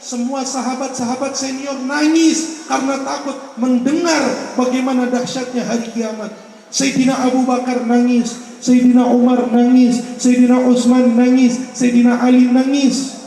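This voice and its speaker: Male preacher, very high voice, joking street-talk sermon, boomy echo from far off over loudspeakers. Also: little pitch movement, moderate pace, a little hiss or hum. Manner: joking colloquial banter mixed with chanted prayer. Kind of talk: religious sermon to a crowd. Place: outdoor park gathering. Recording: echoey loudspeaker sound from far off.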